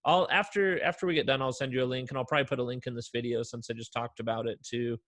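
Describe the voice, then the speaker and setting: Host: man from Portland, mid-pitched, chatty and loose, dry close mic. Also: fairly even intonation, fast, a bit bright, no room sound. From Portland, Oregon. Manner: chatty, loose, many fillers and restarts. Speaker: podcast host. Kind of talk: casual interview conversation.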